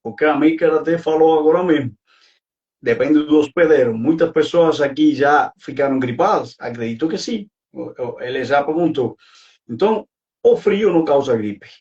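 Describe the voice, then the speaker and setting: Cuban-accented man, Spanish native, slightly high, hesitant earnest delivery; distant, dull mic. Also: moderate pace, darkish tone. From Cuba. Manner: earnest, hesitant with frequent fillers. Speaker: guest health expert. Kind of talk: live-stream talk.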